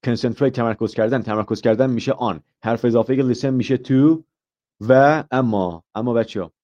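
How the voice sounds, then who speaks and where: Mellow-voiced male IELTS teacher live. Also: mid-range voice, lo-fi sound. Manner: asks the class questions and explains step by step; mixes English example phrases into his explanations. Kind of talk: live online grammar lesson.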